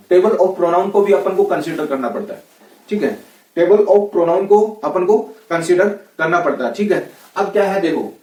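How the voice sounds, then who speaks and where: A man's voice: high-pitched, a little mellow. A man with a Rajasthani Hindi accent teaching English grammar in a casual classroom lecture, chatty and constantly checking in with "okay, right?". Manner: chatty, repeats "ठीक है, है ना" constantly. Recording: echoey room, voice a bit far from the mic.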